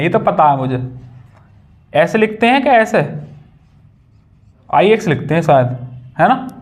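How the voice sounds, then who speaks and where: High-voiced casual maths teacher. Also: male voice. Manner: casual, chatty, joking asides to students. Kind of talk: whiteboard maths lesson.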